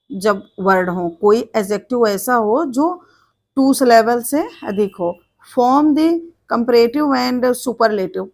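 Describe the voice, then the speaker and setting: A woman teacher walks through grammar rules at an unhurried pace, spelling each word out letter by letter and saying it again. Her voice sits a little high and carries a gravelly edge. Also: a little mellow. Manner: slow, spells words letter by letter and repeats them. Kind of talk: board lesson, explaining step by step.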